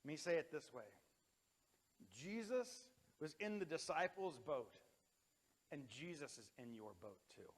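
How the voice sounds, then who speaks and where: High-voiced preaching man in a reverberant sanctuary. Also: animated, unhurried, pauses often, breathy edge. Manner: dynamic preaching, swings from loud to hushed. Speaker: pastor. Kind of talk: sermon. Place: church sanctuary. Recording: long hall reverb.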